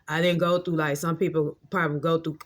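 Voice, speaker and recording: A vlogger in her late thirties tells a rambling, heartfelt story in a casual monologue, often repeating herself. Her low-pitched voice is brisk and level in tone, and her manner is reflective.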